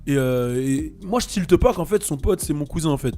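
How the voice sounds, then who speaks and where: A man's voice: a little high, moderate pace. A man hosting a casual chat with friends, telling a funny story and acting out the voices in it. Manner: animated, acts out quoted voices.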